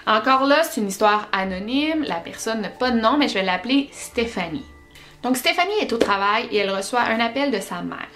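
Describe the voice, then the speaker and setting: A woman's voice: a little high, fairly quick, faint music behind. Québécois woman telling spooky stories. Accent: Québécois French. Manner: animated, chatty storytelling. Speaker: podcast host.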